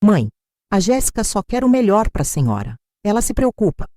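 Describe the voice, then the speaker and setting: A woman's voice: mid-range voice, sing-song, moderate pace, warm tone, dry recording, studio quality, lightly acted. A woman voicing a weak grown son who defends his wife and snaps at his mother. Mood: quiet. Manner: defensive, raised voice.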